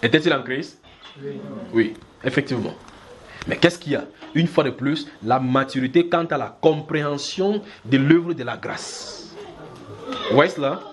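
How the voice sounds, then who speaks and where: A man preaching a sermon in church, lively and demonstrative, often checking that the congregation follows. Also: medium pitch, a little slow, a little hiss or hum. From Cameroon. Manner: animated, acts out little scenes and keeps checking the congregation follows.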